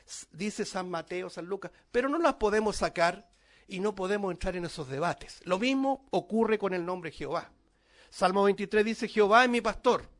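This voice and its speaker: A man preaching a sermon to his congregation, lifting his voice on key words and dropping to a hush at the ends of phrases. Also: sits high, animated, moderate pace. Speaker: pastor.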